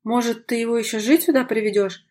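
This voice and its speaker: A woman reading a sullen young man who is quick to anger in an audiobook scene, loud and rude, with lines that come out forceful and combative. Her voice has a husky, breathy grain. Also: on the high side, natural voice. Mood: indignant. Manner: shouting, rude, aggressive.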